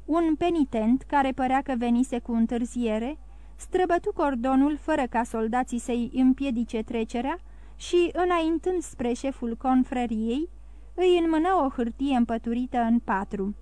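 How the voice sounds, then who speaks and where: A woman narrating an audiobook in a steady, even storytelling manner. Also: high-pitched, no room sound. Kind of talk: scripted narration.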